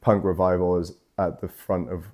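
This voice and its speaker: Very deep-voiced young man from Scotland. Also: level tone, moderate pace, a little mellow. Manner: loose, rambling, heavy on "like" and swearing. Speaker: guest artist. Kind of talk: casual chat. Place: tattoo shop.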